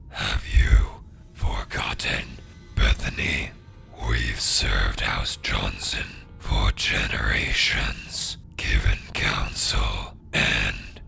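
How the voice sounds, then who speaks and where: Deep, slithering butler creature. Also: male voice, creaky, bright, forceful tone, heavily acted. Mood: cold reproach. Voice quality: deep, wet, slithering whisper. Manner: stiff old-fashioned formality. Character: deformed old male butler creature, formal and menacing.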